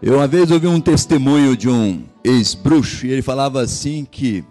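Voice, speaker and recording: A pastor from Espírito Santo, with a Capixaba Brazilian Portuguese accent, preaches an impassioned sermon and poses rhetorical questions to the congregation. His mid-range voice has a dark tone and a normal speed, with soft music in the background.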